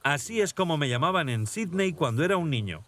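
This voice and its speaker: A man voicing a calm, reflective young prince. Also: on the high side, brisk. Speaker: dubbed interviewee voice-over. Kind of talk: documentary dub voice-over.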